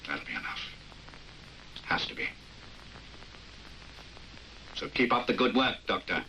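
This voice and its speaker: An actor playing a calm, condescending man who coldly gives orders in an old film. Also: medium pitch, a little slow, slight background noise, rough recording. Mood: commanding. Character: smooth menacing man who runs the island.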